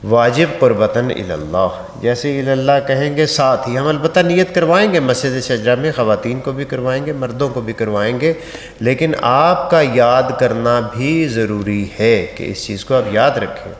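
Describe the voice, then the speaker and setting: A man from Pakistan with a Pakistani accent, giving a religious training lecture on pilgrimage rites, instructive and mixed with light humorous stories. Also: mid-range voice. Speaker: Hajj trainer. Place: large mosque hall. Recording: echoey reverberant mosque hall.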